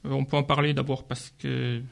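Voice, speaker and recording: A man's voice: mid-range voice, flat delivery, brisk, gravelly. A man reviewing crime novels on a radio book chat, hesitant and often searching for his words.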